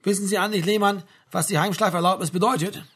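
A man voicing a choleric middle-aged army major in an audiobook, shouting and firing off rhetorical questions. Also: high voice, steady tone, fast, slightly rough, pitched above the performer's own voice, exaggerated voice. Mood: interrogating. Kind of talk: audiobook character reading.

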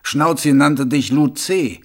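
A man voicing a gruff, blunt, middle-aged watch commander who talks loudly and demandingly. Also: on the high side, slow, pitched above the performer's own voice, exaggerated voice.

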